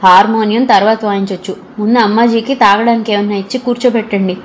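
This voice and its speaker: A woman's voice: medium pitch, fairly even intonation, fast talker, a little hiss or hum, close to an everyday voice. A woman reading a curt, protective young man.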